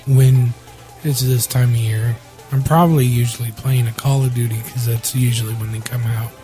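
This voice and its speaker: A man's voice: mid-range voice, fairly even intonation, moderate pace, mellow, soft background music. A young man with a strained voice from illness, co-hosting a casual chat and telling stories in a rambling, profane way. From Iowa. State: sick, strained voice. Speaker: podcast co-host.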